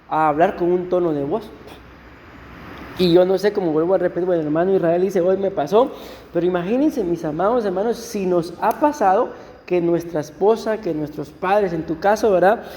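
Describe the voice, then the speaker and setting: A male pastor giving a conversational sermon to his congregation, often slowing down to read verses aloud. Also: sits high, mellow, big-room sound, slight background noise. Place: church.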